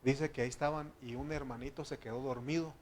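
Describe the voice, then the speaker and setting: A man's voice: medium pitch, steady tone, fast talker, a little hiss or hum. A man with a Mexican Spanish accent, a pastor giving a conversational sermon with anecdotes and then praying fervently. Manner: conversational preaching with anecdotes, rising to fervent prayer. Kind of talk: sermon with closing prayer.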